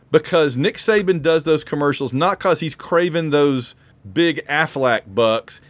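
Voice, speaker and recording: A man's voice: on the high side, dry recording. A man hosting a sports talk show, joking and riffing in a casual way. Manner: animated, joking, quick asides. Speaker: podcast host.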